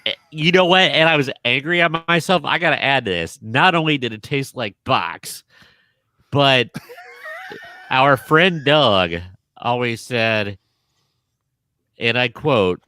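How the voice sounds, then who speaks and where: A man's voice: mid-range voice, lively intonation, a little slow, bright, forceful tone, clean tone, dry recording. A man co-hosting a podcast in casual chat, emphatic as he argues and tells stories. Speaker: podcast co-host.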